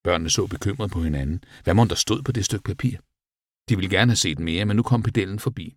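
A man narrating a children's audiobook in a calm, even storytelling manner. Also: low-pitched, no room sound, studio quality. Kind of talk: scripted narration.

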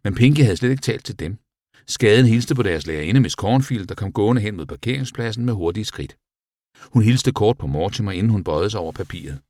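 A man with a low, deep voice reads a children's story in a calm, even manner. The recording is dry and close, with no room sound. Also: no room sound. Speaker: audiobook narrator. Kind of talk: scripted narration.

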